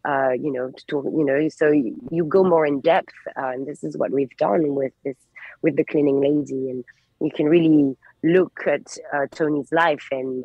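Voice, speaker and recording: With a deep, husky voice, a forties-aged actress from France, her accent a French-English mix, chats on a radio interview and searches for words. There's no room sound, but the highs are cut off.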